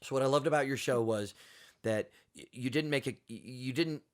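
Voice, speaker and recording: A man, a music producer guest, telling stories in a relaxed podcast chat and acting out quoted voices. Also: mid-range voice, fairly quick. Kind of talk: casual podcast conversation.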